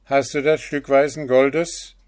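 A man voicing a cruel male sorcerer who gives loud, harsh orders. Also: medium pitch, level tone, measured pace, voice pushed up, natural voice. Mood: threatening. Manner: loud, commanding.

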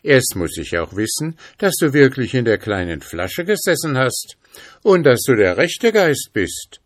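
A man voicing a fearless, quick-witted young student who answers calmly. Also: medium pitch, no room sound, studio quality, pitched above the performer's own voice. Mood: cool. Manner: calm, quick-witted, unafraid. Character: bold, clever young male student.

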